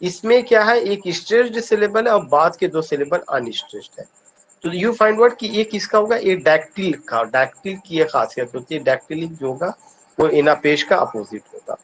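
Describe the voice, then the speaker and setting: A man's voice: fairly high pitch, expressive, moderate pace, a little hiss or hum, low-quality recording. A man with an Indian accent teaching an online exam-prep lesson, asking questions and answering them himself, repeating key points. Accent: Indian English. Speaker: English teacher.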